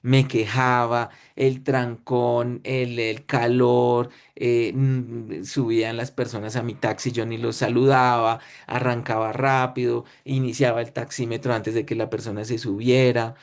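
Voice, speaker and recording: A man's voice: mid-range voice, flat delivery, unhurried. A man with a Colombian accent who presents a webinar and tells a story in the style of a lecture. He talks in short phrases and often checks in with his listeners. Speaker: webinar speaker.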